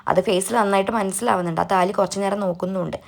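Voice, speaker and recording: A woman's voice: medium pitch, steady tone, very fast, gravelly. A woman YouTuber giving a chatty, casual recap of a TV serial episode. She retells each scene and keeps dropping in friendly asides to her viewers.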